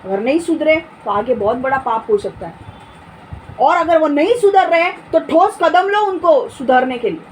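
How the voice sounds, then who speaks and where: A woman's voice: high-pitched, lively intonation, normal speed, slight background noise, rough recording. A woman preaching a sermon with emphasis, asking rhetorical questions and scolding her listeners.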